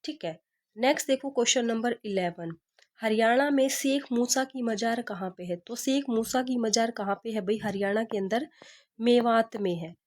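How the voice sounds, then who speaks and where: A woman teaches an exam-prep class in a slightly high voice. She poses a question, then answers it herself and drills it again and again. Her delivery is steady and patient, built around memory tricks. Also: moderate pace. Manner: repeats questions and answers, asks rhetorical "kya hai?".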